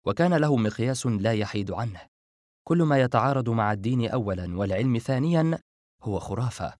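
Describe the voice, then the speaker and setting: A man reads a dramatic story aloud in a steady, measured voice of middle pitch. The recording is dry and close, with no room sound. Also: no echo. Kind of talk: dramatic audiobook narration.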